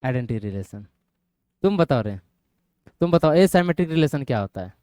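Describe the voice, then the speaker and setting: A man's voice: a little high, sing-song, a little fast, warm tone, dry recording, clean studio sound. A male math teacher lecturing a classroom of students, often quizzing them and asking if they follow. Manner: quizzes students, keeps asking "getting my point?".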